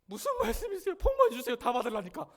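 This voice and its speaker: A woman's voice: on the high side, huge pitch swings, quick pace, a bit bright, pitched above the performer's own voice, full character voice. A man putting on a squealing cheeky church lady. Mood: squealing eager. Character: cheeky middle-aged woman deacon wanting blessings.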